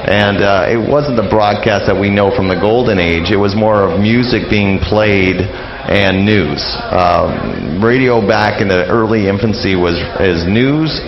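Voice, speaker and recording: There's music under this man's low voice as he talks a little slowly. An old-time radio enthusiast appearing as an interview guest, he rambles casually and hesitantly in a live radio lounge with a steady flow of people, recorded muffled in an echoey space crowded with people.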